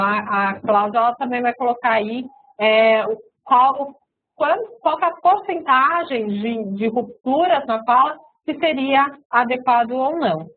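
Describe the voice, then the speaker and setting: A woman's voice: on the high side, a little hiss or hum. A woman with a Brazilian Portuguese accent giving a recorded web-conference lecture, explaining step by step with frequent fillers and tag questions. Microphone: web conference microphone. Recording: tinny phone-like web conference audio.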